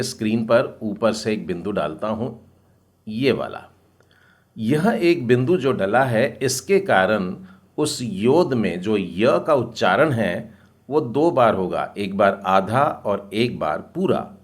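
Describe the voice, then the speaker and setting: Man, lowish voice, unhurried delivery, patient language teacher, spells words out. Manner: patient, spells out each word slowly and repeats it. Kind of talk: slow step-by-step lesson.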